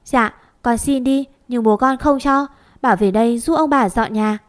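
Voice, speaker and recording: A woman's voice: fairly high pitch, normal speed, lightly acted. A woman voicing a cheeky younger sister who teases and tattles to her grandmother. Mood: teasing. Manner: cheeky, teasing.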